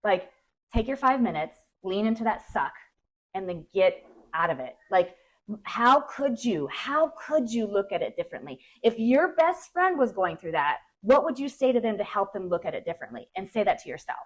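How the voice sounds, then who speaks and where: A woman's voice: mid-range voice, very animated, normal speed, rough recording. A woman co-hosting a casual podcast, chatty and talking straight to listeners as y'all. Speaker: podcast co-host.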